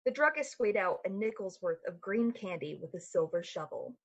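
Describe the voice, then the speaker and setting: A gravelly, husky, lowish female voice, expressive and heavily acted, narrates at a moderate pace. She's the literary storyteller of a tense summer-night tale delivered like a 1940s radio play, keeping the suspense measured. The audio is slightly muffled, with music underneath.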